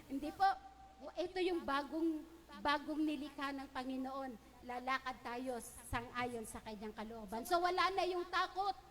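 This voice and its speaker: A Filipino woman preacher and teacher giving an animated sermon, telling stories and calling the congregation to repeat after her. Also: high voice, normal speed. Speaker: preacher and schoolteacher. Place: church. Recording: long church hall reverb.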